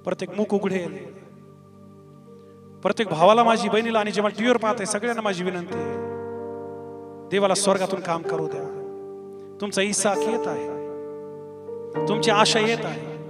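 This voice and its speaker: A man's voice: high voice, moderate pace, long pauses, music in the background. A man pastor leading a fervent prayer sermon, chanting repeated commands and urgent calls to pray.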